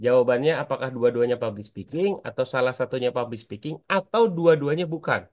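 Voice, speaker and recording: A man's voice: medium pitch, fast talker, muffled recording. A man teaching an online public speaking class, chatty and constantly asking his students for answers.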